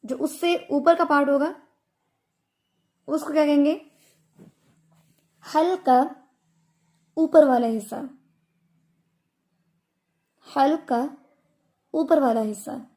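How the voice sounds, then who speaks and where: A woman's voice: high voice, mellow. A woman teaching Quran recitation in an online lesson, explaining patiently and stretching out her examples. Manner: slow, patient explaining with drawn-out Arabic examples.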